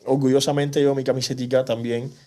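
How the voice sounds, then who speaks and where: In a TV interview, a man from Cuba speaks as an activist guest, passionate and indignant, in rapid bursts. His voice is medium-pitched and mellow, yet the delivery sounds flat.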